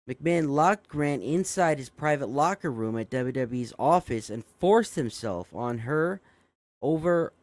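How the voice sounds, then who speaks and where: A young man hosting a casual live stream, reading a news story aloud and breaking off to react. He swears freely, stumbles and fixes his words as he goes, and sounds amazed. His voice sits at an average pitch and is recorded dry and close. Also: a little mellow, no room sound. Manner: swearing, easily amazed, with frequent fillers and self-corrections. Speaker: show host.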